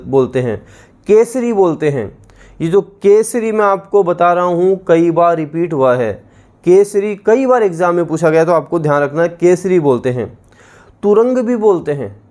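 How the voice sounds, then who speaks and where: A man teaching an exam-prep class, reciting word lists slowly and repeating them so students can memorize, with encouraging asides. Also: a little high, darkish tone. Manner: coaxing, encouraging.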